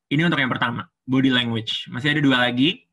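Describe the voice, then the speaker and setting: Bright-voiced man teaching public speaking. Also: medium pitch, fast talker, muffled recording. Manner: chatty, explains step by step with frequent fillers. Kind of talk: casual explanatory lesson.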